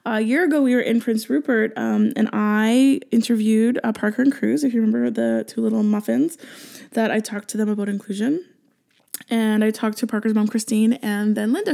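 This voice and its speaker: A woman's voice: on the high side, vocal fry, mellow. A Canadian woman hosting a podcast solo, chatting casually and effusively in a rambling way full of asides. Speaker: podcast host.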